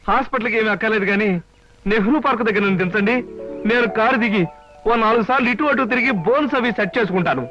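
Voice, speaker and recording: A man's voice: sits high, fast talker, bright, forceful tone. An actor playing a sly young man who groans and whines while faking an injury, in an old film. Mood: groaning. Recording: muffled old film soundtrack with music.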